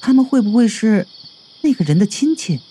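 A man's voice: high-pitched, very animated, moderate pace, mellow, slightly rough, voice pushed up, full character voice. A man doing a fretful, worried patient. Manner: fretful, questioning. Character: anxious, worried hospital patient.

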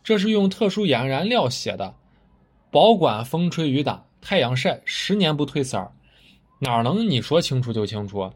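A man's voice: medium pitch, big pitch swings, moderate pace, breathy edge. A man voicing a middle-aged car dealership manager who blusters and stammers when flustered. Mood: outraged.

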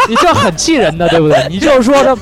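Fast-talking high-voiced man. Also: wildly swooping pitch, over a noisy crowd. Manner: quick, argumentative, keeps interjecting. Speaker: podcast co-host. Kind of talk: casual comedic chat.

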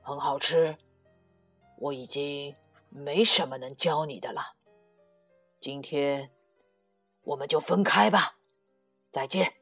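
A big, gruff tyrannosaurus dad from a children's storybook, rough but tender underneath, as a woman puts him on. His slow, low lines come out a little breathy, with soft music behind. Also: lively intonation, exaggerated voice. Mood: solemn.

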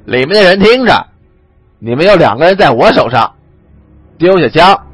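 A man voicing a loud, bullying male collaborator interpreter who barks threats. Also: a little high, sing-song, moderate pace, breathy edge, no echo, faint music behind. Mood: threatening.

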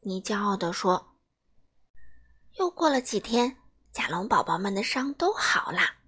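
A woman's voice: mid-range voice, unhurried, slightly rough. A woman reading a children's picture book aloud as storyteller, acting out the animals. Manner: animated, acts out each animal.

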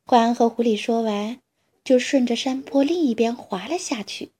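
A woman reading a children's story aloud in a slow, gentle storytelling manner. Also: on the high side, breathy edge.

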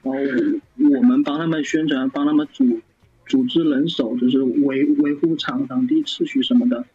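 A fan site founder guesting on an interview podcast talks casually in a warm, medium-pitched voice with fairly even intonation. He is halting, often stammering and restarting, and the recording sounds dull and lo-fi.

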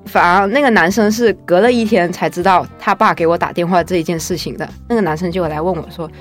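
A guest storyteller, a woman in her twenties, chattily and wryly recounts her own experience in the first person. Her voice is on the low side and quick, with soft music playing behind her.

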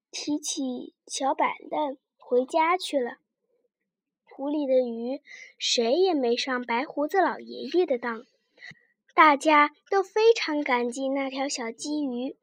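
A woman reads a children's story in a gentle, expressive way, with a high voice. She takes her time over each phrase. The recording is close and completely dry. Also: dry recording.

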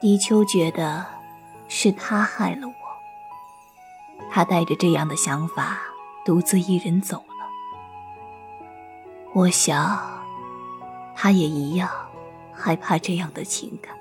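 A woman acts a gentle, sorrowful Buddhist nun master in a Chinese costume audio drama, speaking in a measured, wistful way. Her pitch is fairly low, and she speaks over music.

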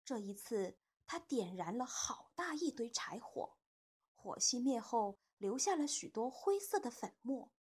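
A woman narrates a children's storybook in a high, lively voice that rises and falls a great deal. Her tone is gentle and expressive, with a soft, breathy texture. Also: a little slow. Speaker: storytelling host, a mother.

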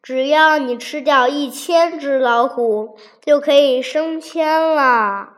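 A small deer putting on a solemn, commanding emperor's voice, slow and hushed, as a woman reads it. The voice stays high despite the gravity. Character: Jade Emperor as mimicked by a deer.

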